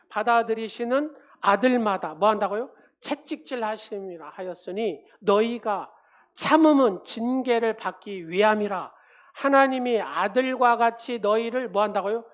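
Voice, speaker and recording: At a church service, a woman pastor with a mid-range voice preaches a sermon. She drives her points home with repeated phrases and questions to the congregation.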